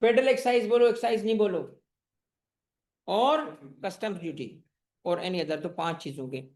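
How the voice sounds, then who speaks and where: A man's voice: high-pitched, moderate pace, a little mellow. A man teaching an exam-prep tax class that is also streamed online. He fires questions at his students, answers them himself, calls them fondly, and repeats the key points.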